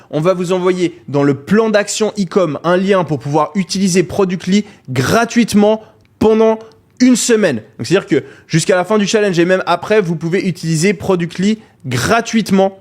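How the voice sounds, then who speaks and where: A man hosting a live online course, talking energetically to viewers in the chat, with frequent hesitations. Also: sits high. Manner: excited, calls out to viewers; many fillers and hesitations. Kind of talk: energetic live webinar pitch.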